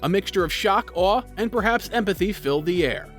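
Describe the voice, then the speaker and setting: Casting: male narrator, notably high voice, dramatic scripted storytelling for video, music underneath. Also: expressive, a little fast, a bit bright.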